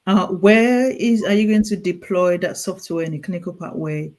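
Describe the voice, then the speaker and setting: A woman with a Nigerian accent, a clinical nurse specialist, talks as a guest in an earnest, urging way, often starting sentences over and repeating things. She has a lowish, slightly mellow voice with a steady tone and normal speed.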